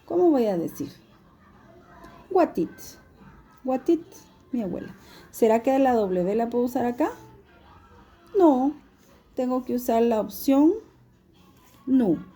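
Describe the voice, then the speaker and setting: A woman's voice: a little high, expressive, measured pace, pauses often, dark tone, breathy edge. A woman teaching a recorded video lesson, explaining patiently and asking her students questions.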